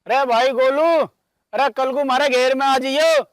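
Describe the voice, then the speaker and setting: एक आदमी जो ताने मारने वाले घमंडी गाँव के नौजवान का किरदार निभा रहा है, हरियाणवी लहजे में चिढ़ाते हुए बोलता है।. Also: male voice, very high voice, fairly even intonation, normal speed, no echo, studio quality. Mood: mocking. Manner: teasing, jeering. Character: young village man, mocking and smug. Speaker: mocking villager.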